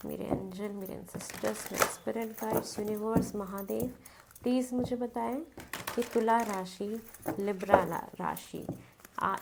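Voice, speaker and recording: Heavy background noise surrounds this woman's mid-range, vocal-fry voice as she gives an informal tarot reading on camera. She's a North Indian reader with a cold and blocked nose, chatty in manner, who repeats herself and chants between the cards.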